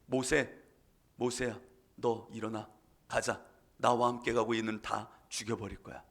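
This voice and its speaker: A man voicing an angry God who speaks slowly and gravely. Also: on the low side, flat delivery, a bit bright, voice pushed down, exaggerated voice. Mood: solemn. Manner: slow, grave, threatening. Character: wrathful God, deep and grave.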